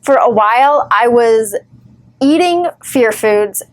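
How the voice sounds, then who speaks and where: A woman's voice: on the high side, lively intonation, slow. A woman giving earnest, reassuring advice straight to camera as a recovery vlogger, with the odd wry joke. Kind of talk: encouraging direct-to-camera advice.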